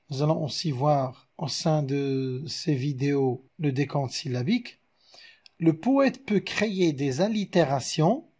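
A man with a Moroccan French accent teaches a recorded lesson at an unhurried pace. His voice is slightly high, dark and a little husky. He walks through examples patiently and counts syllables aloud one by one. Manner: slow, explains step by step with examples. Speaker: literature teacher. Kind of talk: explanatory video lesson.

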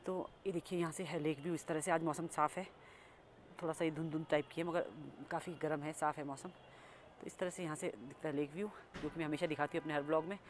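A woman's voice: low voice, steady tone, quick pace, a little hiss or hum. A woman vlogging casually at home and outside, chatty and scolding as she rambles. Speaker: family vlogger. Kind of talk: casual vlog narration. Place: home and outdoors. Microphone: phone camera.

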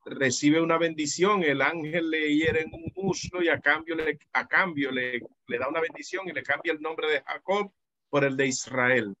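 A man in the class answering the teacher's question from memory, with halting restarts. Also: a little high, animated, sharp tone, muffled recording. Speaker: class participant.

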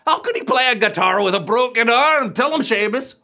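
A man's voice: extremely high pitch, expressive, fairly quick, bright, forceful tone, exaggerated voice. A man playing a boastful Scottish rapper in a kids' church comedy sketch, with a put-on Scottish accent and hammy, jokey patter. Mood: cheerful.

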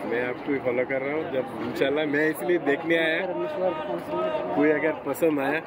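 A polite, soft-spoken man chatting with a vlogger at an outdoor car market. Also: on the high side, steady tone, moderate pace. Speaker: viewer met at the market. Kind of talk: casual chat. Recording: loud crowd and street noise.

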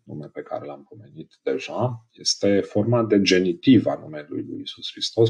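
A man with a very deep, low voice gives a recorded language lesson. He explains each example patiently and deliberately. He often stops with small hesitations as he goes through the material. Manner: measured, explanatory, with frequent hesitations. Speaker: Greek language teacher.

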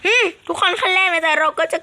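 A young woman giving playful, animated commentary while playing a mobile game, often squealing with excitement. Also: fast talker. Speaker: gaming streamer.

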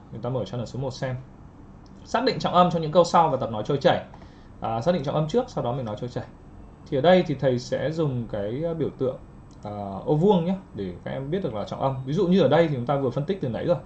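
A man teaching English pronunciation in an online lesson, patiently repeating phrases slowly to drill word stress. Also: medium pitch, darkish tone, lo-fi sound, slight background noise.

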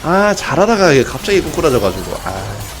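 A young man streaming a video game, giving excited casual commentary, often yelling and swearing during fights. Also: mid-range voice, moderate pace, music in the background. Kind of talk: excited live gameplay commentary.

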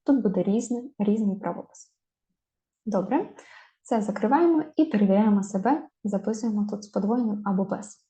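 A woman giving a spelling lesson, slowly drawing out each example word to stress it. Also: mid-range voice, mellow. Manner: slow, drawn-out stressing of example words. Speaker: teacher. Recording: dull lo-fi sound.

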